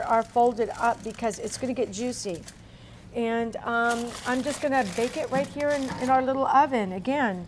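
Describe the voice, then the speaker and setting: A woman hosting a casual cooking demonstration, chatting through each step with folksy asides. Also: a little high. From Cape Cod, also grew up partly in Berlin in a US military family. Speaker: cooking show host. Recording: noticeable background room noise.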